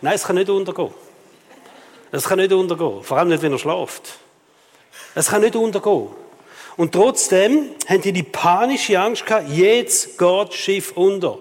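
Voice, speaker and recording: A man preaching a sermon with a Swiss German accent, lively and rhetorical, often asking the audience questions. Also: high voice, normal speed. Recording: long reverb of a hall.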